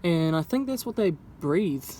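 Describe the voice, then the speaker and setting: A woman's voice: on the low side, animated, a little slow, mellow, slight background noise. Young New woman. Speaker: vlogger. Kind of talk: casual vlog talk to camera. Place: indoors, speaking to camera.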